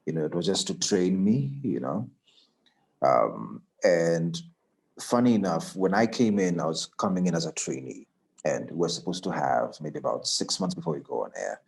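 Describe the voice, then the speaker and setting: A man's voice: moderate pace, creaky. A man working as a radio announcer, telling stories from his career in a casual interview, often repeating words as he starts. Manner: animated storyteller, acts out quoted voices higher and louder.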